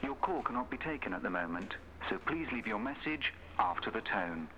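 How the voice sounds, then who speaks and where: A man's voice: lowish voice, brisk. A man's formal recorded voicemail greeting, heard over a phone line. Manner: flat, formal recorded message. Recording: dull, noisy phone line.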